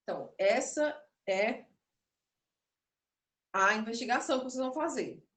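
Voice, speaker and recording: A slightly nervous woman leads an online puppetry class, demonstrating and explaining while interrupting herself now and then. She speaks at a moderate pace in a little high, expressive and somewhat bright voice, recorded at a distance in a reverberant room.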